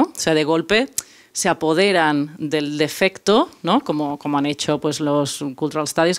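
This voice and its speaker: A man as art lecturer, slightly higher voice, thinking aloud with restarts. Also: fairly bright tone. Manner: hesitant, many restarts and tag questions.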